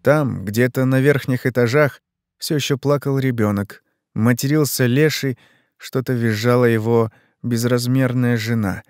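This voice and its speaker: A man narrating a horror story in a steady, measured way. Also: medium pitch, dry recording, studio quality. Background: faint music.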